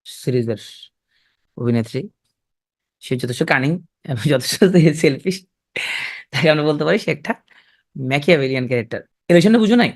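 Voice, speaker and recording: A man teaching a literature class in a conversational way, often asking students quick check questions. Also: mid-range voice. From Bangladesh. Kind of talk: exam-prep literature lecture.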